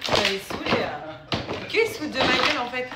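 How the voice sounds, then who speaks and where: A woman's voice: high voice, lively intonation, fairly quick. A woman vlogging casually at home, teasing and laughing with her family, easily exasperated. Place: indoors at home. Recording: echoey room with loud noise.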